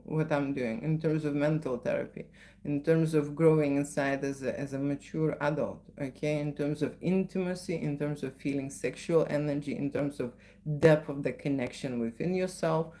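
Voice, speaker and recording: A photographer in her middle years, Lithuanian-accented, talks through a live Q&A at a normal speed. Her low voice is warm and steady, and she keeps adding "okay?" and "right?" to her sentences.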